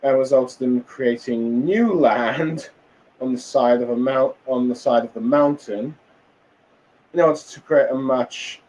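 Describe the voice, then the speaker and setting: A man's voice: mid-range voice, a little slow, darkish tone, a little hiss or hum, low-quality recording. A tired man casually recapping a comic chapter, rambling with many fillers and restarts. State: tired, yawning. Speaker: manga reviewer.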